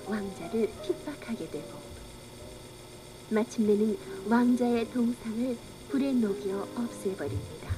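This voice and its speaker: High-pitched woman narrating a storybook. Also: poor audio. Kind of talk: scripted children's story narration. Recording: old story cassette recording. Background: music.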